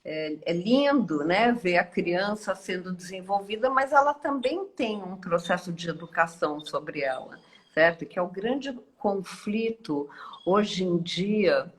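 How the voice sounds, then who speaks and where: A woman, hosting a reflective live online talk in a slow, musing way with many hesitations and tag questions. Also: on the low side, expressive, low-quality recording. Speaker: host.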